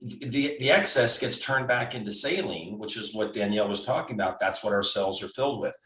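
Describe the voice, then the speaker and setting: Here a man in his sixties, a guest who works as a physician, talks in a lowish voice that is brisk, bright, and forceful. His explanations are casual and conversational, laid out step by step with many restarts, and the audio sounds roomy and far from the microphone.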